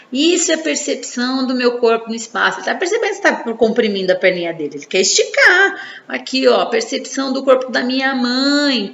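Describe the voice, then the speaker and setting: A psychology presenter with a Brazilian Portuguese accent gives an informal, explanatory talk on infant development, often checking in with tag questions. Her voice is on the high side, gravelly and sharp. The room is echoey, with dull sound and faint noise.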